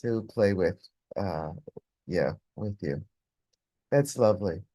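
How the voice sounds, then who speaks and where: Workshop host, woman from the US, unhurried and effusive, laughs often, dry close sound. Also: extremely low pitch, expressive, mellow, no room sound. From United States. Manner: effusive, laughing, slow and drawn-out. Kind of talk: closing thanks at a live workshop.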